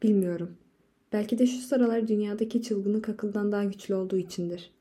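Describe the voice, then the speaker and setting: Woman voicing a worn-out male artist, despairing, dark and mellow delivery. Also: mid-range voice, fairly even intonation, fairly quick, husky, close to an everyday voice. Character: anguished adult male painter, weary, desperate.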